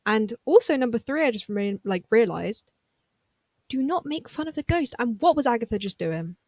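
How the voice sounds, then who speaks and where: A woman recapping a TV episode in a casual, chatty way, full of excitable asides. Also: a little high, moderate pace, no echo. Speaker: recap vlogger.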